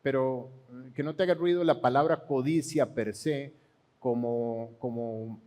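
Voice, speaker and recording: A man with a Panamanian accent answering Bible questions in a steady, explanatory way, with occasional restarts. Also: mid-range voice, a little slow. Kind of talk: church Bible Q&A teaching.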